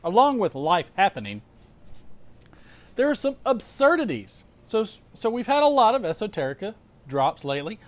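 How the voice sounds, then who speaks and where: A man hosting a casual show, chatting as an animated storyteller with sarcastic asides, emphatic repetition and rhetorical questions. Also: high-pitched, moderate pace. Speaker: host of a pipe-smoking show. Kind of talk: casual chat.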